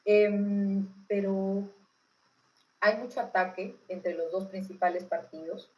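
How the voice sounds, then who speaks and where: A Peruvian woman with a Peruvian accent, interviewed as a political expert, explains things informally and didactically, often checking understanding with tag questions. Her medium-pitched voice is steady and slow, and the recording has its highs cut off.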